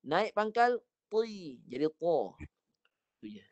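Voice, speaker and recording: A man with a Malaysian Malay accent teaching Quran recitation online, patiently coaching a student and slowly demonstrating each sound. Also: high voice, sing-song, dull audio. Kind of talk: online Quran reading lesson.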